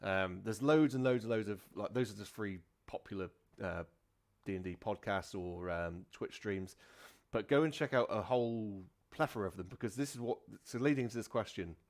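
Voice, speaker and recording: Low-voiced man hosting a podcast. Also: normal speed. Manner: rambling, many fillers and restarts. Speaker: podcast host and dungeon master. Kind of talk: casual podcast chat.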